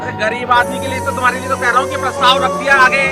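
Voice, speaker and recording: An actor playing a defensive, evasive male politician who keeps giving quick reassurances. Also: extremely high pitch, completely flat delivery. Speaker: politician in a skit. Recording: background music and crowd noise.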